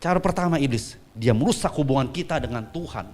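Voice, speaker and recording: A man preaching a sermon, telling a story with acted-out voices and swinging from soft asides to loud peaks. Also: mid-range voice, expressive, quick pace. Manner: acts out quoted voices in dialogue.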